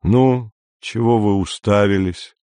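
A man reading an audiobook, voicing a weary grown man who speaks low, tired and curt. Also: lively intonation, measured pace, mellow, no echo.

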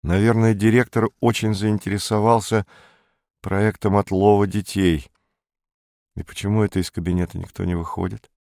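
A man voicing a timid, hesitant male office worker who speaks quietly and mumbles in an audiobook. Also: lowish voice, level tone, normal speed, vocal fry, dry recording, studio quality. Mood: musing.

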